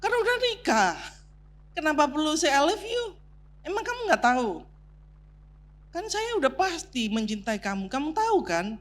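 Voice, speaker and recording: A woman's voice: high-pitched, sing-song, moderate pace, pauses often, voice pushed up. A woman acting out a dismissive middle-aged husband who brushes off his wife's question in a raised, incredulous voice.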